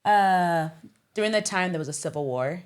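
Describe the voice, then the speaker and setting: A woman's voice: fairly low pitch, normal speed, clear, resonant tone. A young woman from Liberia, a podcast guest, telling her childhood story in a casual interview with many fillers.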